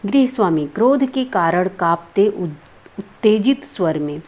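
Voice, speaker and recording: A woman's voice: mid-range voice, lively intonation, unhurried, a little mellow. Woman teacher explaining a lesson. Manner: explains word meanings step by step.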